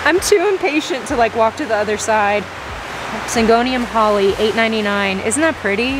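A woman's voice: a little high, normal speed. A young woman vlogging a plant shopping trip in a large greenhouse nursery, gushing over plants and reading the prices aloud. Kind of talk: excited plant-shopping vlog. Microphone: handheld phone camera. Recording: steady background noise.

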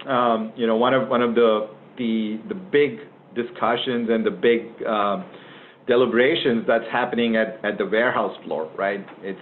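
A man's voice: lowish voice, a little hiss or hum. A man presenting a business webinar on warehouse devices, talking loosely with many fillers and tag questions. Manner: lots of fillers and restarts, says "right?" often. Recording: tinny phone-line webinar audio.

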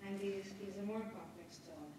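In a conference hall, a woman whose first language is Spanish lectures step by step, tagging questions onto her points. Her voice is medium-pitched at a moderate pace, heard from a distance in the echoey room over a noisy background.

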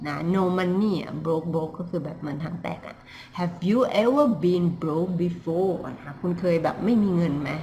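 A woman teaches English pronunciation, explaining in Thai and stretching each English phrase out slowly for her students. Her voice sits a little low and her pace is very unhurried. A faint hiss lies under the recording. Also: mellow. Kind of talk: language lesson, repeating phrases slowly.

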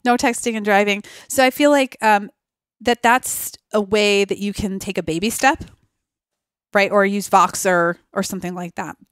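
Smooth-voiced woman podcast guest. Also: medium pitch, steady tone, moderate pace, a bit bright, no echo, clean studio sound. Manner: earnest, reflective, laughs easily. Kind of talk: conversational interview.

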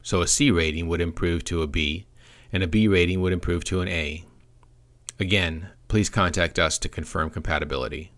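Male product trainer with a deep voice, reading a script with dry, deadpan humor. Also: moderate pace.

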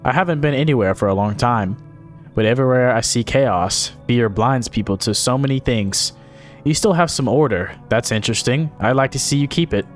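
A man's voice: mid-range voice, moderate pace, faint music behind, natural voice. A man voicing a menacing, cynical stranger from a game, speaking in an ominous, preachy way.

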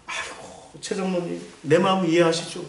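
A man's voice: high-pitched, flat delivery, moderate pace, gravelly. A man voicing an aging male priest who pleads and apologizes in a wheedling, coaxing way. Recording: roomy echo, distant mic.

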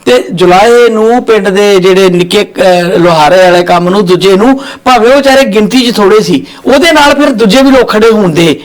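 A man's voice: high voice, brisk, hardly any pauses, rough recording. A man hosting an interview, challenging his guest and raising counterpoints. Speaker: host. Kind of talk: conversational interview.

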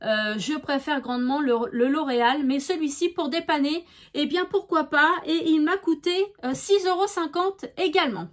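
A woman's voice: high voice, normal speed. A middle-aged woman chatting casually about her beauty purchases, enthusiastic, with frequent hesitations. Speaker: beauty vlogger. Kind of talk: casual haul chat to camera.

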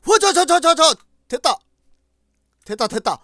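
A man doing loud, excitable gameplay commentary, exclaiming and talking straight to his viewers. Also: very high-pitched, a little slow, no room sound, studio quality, faint music behind. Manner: loud, excitable, shouting and laughing often; talks to viewers directly. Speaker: game streamer.

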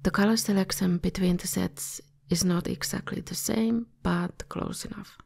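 Scratchy, creaky-voiced woman narrating. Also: medium pitch, steady tone, normal speed, darkish tone. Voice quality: slightly scratchy. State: a bit ill. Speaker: art video host. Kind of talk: scripted tutorial narration, product comparison. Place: voice-over recording.

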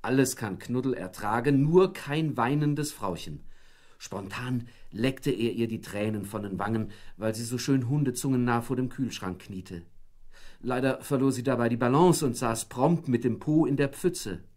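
A man narrating a children's storybook in a playful, lively way. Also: mid-range voice, normal speed.

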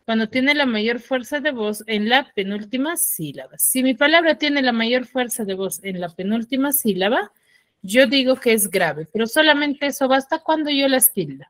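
A woman's voice: fairly high pitch, lively intonation, moderate pace, fairly bright tone, no echo. A woman teaching an online class on a video call, drilling students with repeated questions.

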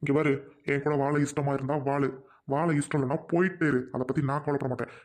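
Man as a fast-talking loyal younger brother, dark tone, urgent and pleading, family drama. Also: medium pitch, fairly even intonation, natural voice. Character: devoted hot-tempered younger brother.

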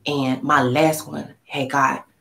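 A woman voicing a sheepish, secretive fifteen-year-old boy who mumbles low and hushed. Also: little pitch movement, slow pace, gravelly, full character voice. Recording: roomy echo.

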